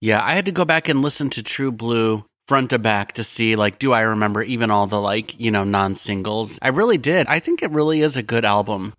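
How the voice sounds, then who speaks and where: A man co-hosting a podcast, talking about songs in a relaxed, friendly way. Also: fairly low pitch, a little fast, hardly any pauses, no room sound, studio quality. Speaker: podcast co-host. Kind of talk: casual chat.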